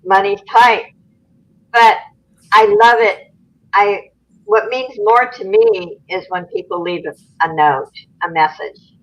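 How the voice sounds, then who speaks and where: A woman's voice: mid-range voice, slow, highs cut off. A woman in her late seventies talking casually as a member of a chat panel. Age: late 70s.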